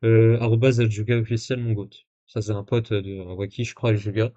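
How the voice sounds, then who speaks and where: A man's voice: fairly low pitch, little pitch movement, brisk, dark tone, dull audio. Casual man streaming, sarcastic and rambling. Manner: casual, rambling with many fillers and self-corrections. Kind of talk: live stream commentary reading messages.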